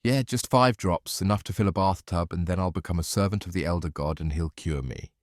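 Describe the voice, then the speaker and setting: A man's voice: low voice, a little fast, dry recording, clean studio sound, voice pushed down, natural voice. A man voicing a blunt, ruthless warrior of the war gods in a fantasy tale. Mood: dazed, flippant.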